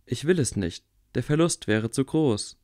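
A man reading aloud, voicing a calm, wry blind boy wizard who speaks quietly. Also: mid-range voice, unhurried, natural voice. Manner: quiet, level.

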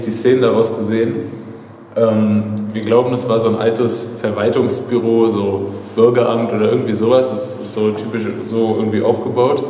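A man's voice: lowish voice, a little hiss or hum. A young man in his twenties casually telling the camera about exploring an abandoned building, with a lot of fillers. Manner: relaxed, explaining with many fillers. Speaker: urban explorer vlogger. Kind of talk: casual vlog talk to camera. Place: inside an abandoned building, bare room. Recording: echoey bare room with long reverb.

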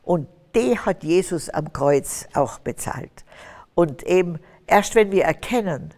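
On a curtained stage in a large hall, an older Austrian woman gives her faith testimony as an interview guest, preaching fervently and rising to emphatic bursts. Her voice is lowish and darkish, with lively intonation and a slow pace. The hall sound is reverberant.

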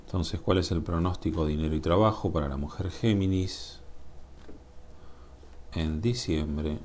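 Low-voiced Rioplatense man reading tarot. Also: darkish tone, a little hiss or hum. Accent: Rioplatense Spanish. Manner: musing, drawn-out, asks "mm?" to the viewer. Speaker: tarot reader. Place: indoors at a table. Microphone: camera above the table, speaker off-screen.

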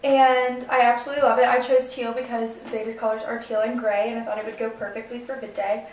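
A woman's voice: fairly high pitch, flat delivery, fast talker, a little mellow, distant mic. A woman in her early twenties chatting casually to a vlog camera in a bubbly sorority-girl manner. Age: early 20s. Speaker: college sorority member vlogging. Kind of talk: casual get-ready-with-me vlog chat. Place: small echoey rooms in an apartment and house. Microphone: handheld or propped vlog camera. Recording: roomy echo, faint background noise.

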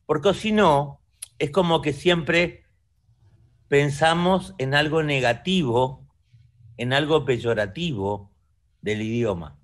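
Speaking slowly with long pauses in a fairly high voice, a fifty-something Argentine man with an Argentine Spanish accent reflects as an artist guest in a conversational interview. He often checks in with the listener, talking from a room at home through a video call webcam.

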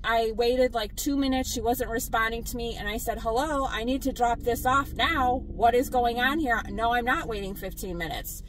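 A woman, a delivery driver vlogging from her car, blunt and animated as she tells her stories. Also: a little high, moderate pace, hardly any pauses, a little hiss or hum, low-quality recording. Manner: exasperated, blunt, animated storytelling. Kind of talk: casual vlog venting to viewers.

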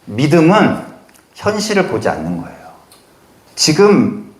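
Animated preaching man in an echoey room. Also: fairly high pitch, a little slow. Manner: animated preaching, acts out voices in quotes, addresses congregation directly. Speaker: pastor. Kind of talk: sermon.

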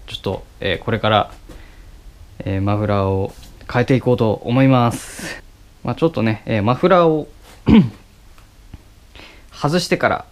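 Filmed via a head-mounted camera, a young motovlogger tinkers with his motorcycle in a cluttered garage, giving casual commentary on the job. His talk is halting and filler-heavy, with muttering mid-task, and his voice is lowish.

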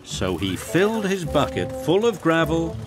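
A man narrating a children's story about work machines. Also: a little high. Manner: slow, lively storytelling. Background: music.

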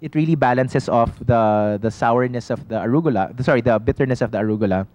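A man's voice: medium pitch, fast talker, a little mellow, dry recording. A man, a shop owner and studio guest, patiently explaining health foods in casual chat, often saying "you know" and restarting his sentences.

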